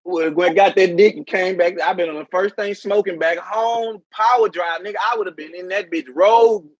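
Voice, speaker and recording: A man in casual chat who talks loudly and boisterously and laughs a lot. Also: sits high, moderate pace, no room sound. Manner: loud, boisterous, laughs often. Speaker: co-host.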